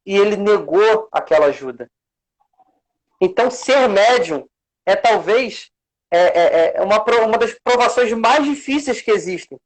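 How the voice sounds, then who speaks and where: A man's voice: high voice, lively intonation, a little slow, rough recording. Brazilian man telling a spiritual story. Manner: storytelling, acting out quoted voices. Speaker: spiritist center worker, guest. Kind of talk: live-stream conversation, teaching.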